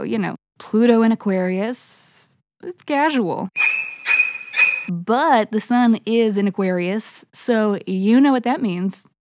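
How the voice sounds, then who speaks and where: A woman's voice: medium pitch, darkish tone, no room sound, clean studio sound. An American woman narrating a horoscope in a casual comedic style, irreverent and sweary, with slangy, playfully dramatic delivery. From New England, United States. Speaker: astrologer, host.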